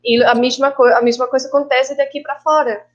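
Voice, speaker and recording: Colombian woman, Spanish native, guest panelist, halting reflective delivery, slightly high voice, dull video call audio. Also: flat delivery. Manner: reflective, halting, slips Spanish words into Portuguese. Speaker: guest filmmaker and actress. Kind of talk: online panel talk.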